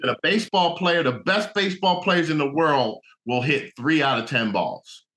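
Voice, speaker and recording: A man's voice: on the high side, moderate pace, bright, forceful tone. A middle-aged man from New Jersey, a guest actor and motivational speaker, talking reflectively in a casual interview with lots of "you know".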